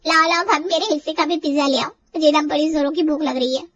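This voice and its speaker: A woman's voice: high voice, steady tone, fast talker, a bit bright, no echo, lo-fi sound, voice pushed up. A woman voicing a teasing young sister-in-law. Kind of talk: storybook cartoon voice acting.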